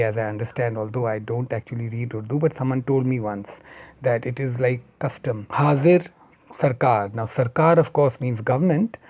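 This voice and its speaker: A man explains phrases at an easy, conversational pace, often stopping for personal asides. His voice sits at an ordinary pitch with a warm, mellow tone. The delivery is relaxed and friendly, like a casual lesson. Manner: unhurried, chatty, with personal asides. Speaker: language explainer.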